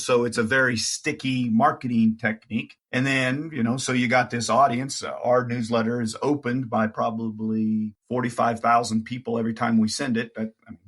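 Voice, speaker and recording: A man's voice: mid-range voice, a bit bright, husky. A man speaking as a podcast guest, explaining his business in an enthusiastic, chatty way. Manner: enthusiastic, chatty salesman patter. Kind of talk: casual podcast interview.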